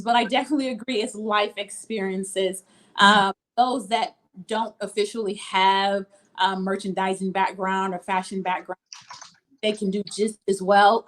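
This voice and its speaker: A woman's voice: medium pitch, a bit bright. A woman from Mississippi, a boutique owner, talking casually in an interview over a video call with frequent ums.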